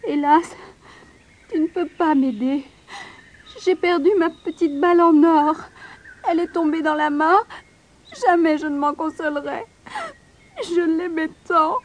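A woman voicing a spoiled little princess who is tearful and impatient, in a high plaintive voice. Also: very animated, moderate pace, mellow.

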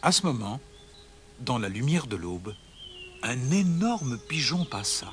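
A man narrating a children's storybook in a dramatic, expressive way. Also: medium pitch, takes it slowly, slight background noise. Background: music.

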